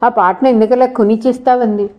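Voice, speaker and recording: A woman's voice: on the high side, steady tone, brisk, muffled recording, natural voice. A woman voicing a brooding, lovesick young female student who answers curtly. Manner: curt, brooding.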